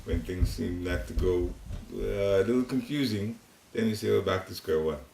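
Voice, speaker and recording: In a private home's living room, an older Ghanaian man with a Ghanaian accent leads a devotional class, his low, gravelly, slightly mellow voice moving at a moderate pace. He teaches informally about spiritual matters, chatting and rambling with chuckling asides. A distant room recorder captures him seated, giving a roomy home sound with faint hiss.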